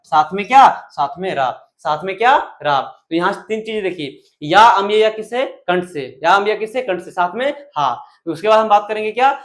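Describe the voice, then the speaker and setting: High-voiced man drilling a grammar class. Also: fairly bright tone. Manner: drills by asking questions and answering them himself, repeating syllables. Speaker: teacher. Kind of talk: exam-prep grammar lesson.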